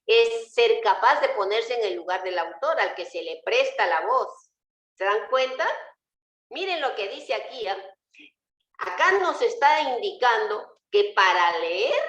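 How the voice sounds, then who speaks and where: A woman's voice: mid-range voice, a bit bright. Woman teacher on a roomy video call. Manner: patient, asks students rhetorical questions. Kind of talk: online class lecture. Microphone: computer mic on a video call.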